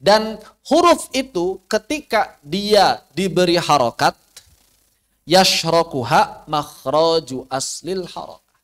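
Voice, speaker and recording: A man with a fairly high voice and an Indonesian accent gives a live pronunciation lesson. He over-enunciates, stretching and repeating sounds so that each one is distinct. His delivery is that of an instructive recitation teacher. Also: expressive, takes it slowly, fairly bright tone. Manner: over-enunciates, drawing out sounds and syllables to demonstrate; instructive, with repeated examples and rhetorical questions.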